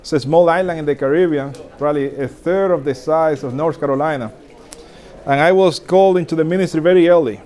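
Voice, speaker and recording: A Dominican man in his forties gives an informal talk to fellow pastors, his voice on the high side and fairly quick. He's warm and self-deprecating, laughs lightly and often, and restarts his sentences frequently.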